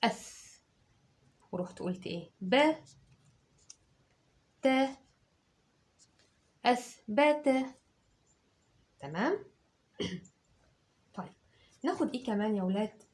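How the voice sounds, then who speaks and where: An Egyptian woman teacher dictating words to children, patiently breaking them into drawn-out syllables and repeating them. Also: medium pitch, very animated. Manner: slow, syllable by syllable, drawn-out sounds.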